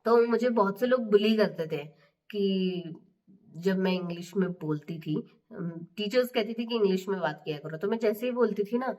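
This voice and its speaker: A woman's voice: medium pitch, moderate pace, darkish tone. Young woman with a Marwari accent, slightly distant. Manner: candid, chatty, mixes English into Hindi. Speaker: motivational speaker. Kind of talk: personal story told as motivational talk.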